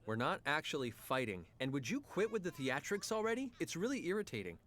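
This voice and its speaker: A man's voice: a little high, very animated, fairly quick, fairly bright tone. An actor playing a serious, easily irritated young space cadet in a video game, with a dry, sardonic straight-man manner. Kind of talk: English video game voice acting.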